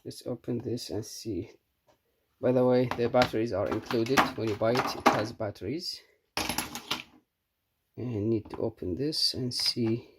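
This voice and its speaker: With some background noise behind him, a man reviews a product hands-on in a casual, unscripted way. His medium-pitched voice sounds matter-of-fact, and he speaks haltingly.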